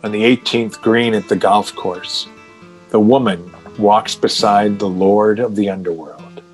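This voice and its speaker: A man's voice: lowish voice, steady tone, unhurried, soft background music, poor audio. A man narrating an audio drama in a dramatic, scripted style.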